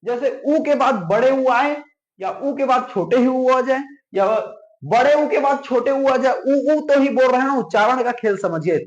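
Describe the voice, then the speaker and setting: A man's voice: very high voice, normal speed. A man teaching Hindi grammar as an exam coach with a Chhattisgarh Hindi accent, repeating points and checking whether students understand. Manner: repetitive, drilling, keeps asking if it's clear. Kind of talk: classroom lecture. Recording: echoey room, dull lo-fi sound.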